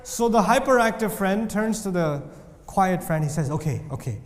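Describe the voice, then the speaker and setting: Animated male lecturer in a big hall. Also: sits high, normal speed. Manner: animated storytelling with voices and jokes. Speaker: Islamic lecturer. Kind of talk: lively religious talk. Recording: reverberant hall with faint noise.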